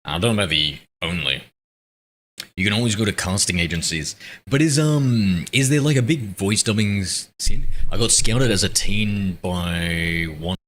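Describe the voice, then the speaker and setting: Deep, bright-toned man streaming. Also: normal speed, slight background noise. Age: 30s. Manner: chatty, reads chat aloud and banters back. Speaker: game streamer. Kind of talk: casual live-stream chat.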